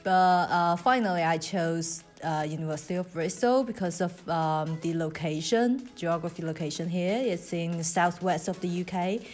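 A young woman from China answering interview questions hesitantly, with many pauses and fillers. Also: on the low side, soft background music. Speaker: interviewed student.

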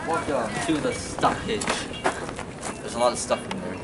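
A man's voice: medium pitch, lively intonation, moderate pace, heavy background noise. A teenage boy playfully narrating a walking vlog outdoors, like a tour guide, picked up on a handheld camera. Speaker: vlogger. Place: outdoors at a school and park.

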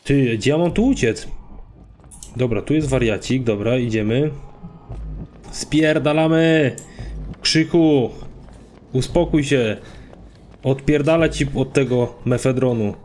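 Excitable, swearing man gaming. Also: medium pitch, moderate pace, a little hiss or hum. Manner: profane, excitable, talks to himself and viewers. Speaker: let's play gamer. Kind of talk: live gameplay commentary.

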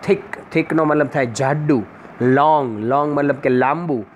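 A man teaching a lesson, reading English lines slowly word by word and explaining each one. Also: fairly high pitch, a little hiss or hum.

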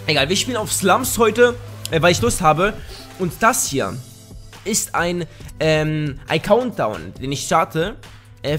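Young man, live gameplay commentary, rambling and joking, sudden loud shouts, slightly high voice. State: just woke up. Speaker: gaming YouTuber. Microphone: headset.

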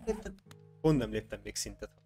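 A man's voice: on the low side, very animated, warm tone, faint music behind. A man playing a game with friends, making offhand, mumbled remarks. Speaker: fellow player. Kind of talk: casual gaming chat.

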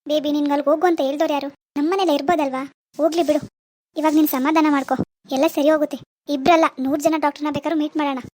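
Woman doing a bossy rich mom in a cartoon, scornful and pushy, very high voice, talks fast. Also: steady tone, darkish tone, natural voice. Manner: scornful, dismissive, brash. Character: rich, haughty mother of adult daughter. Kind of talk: Kannada cartoon drama voicing.

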